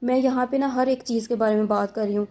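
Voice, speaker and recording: A woman's voice: on the high side, steady tone, warm tone. A woman hosting an advice channel, talking to viewers conversationally and explaining with everyday examples and rhetorical questions.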